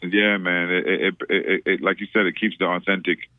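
A man's voice: low-pitched, fairly even intonation, brisk, no echo. A man from Trinidad, a reggae musician, chatting casually as a radio guest in a laid-back way, full of fillers and repeated words. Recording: dry tinny phone line.

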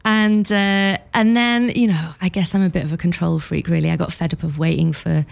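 A woman's voice: lowish voice, steady tone, fairly quick, vocal fry. A woman from Wales, a music producer, chatting candidly as a studio guest on a radio show and laughing often. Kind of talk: casual radio interview.

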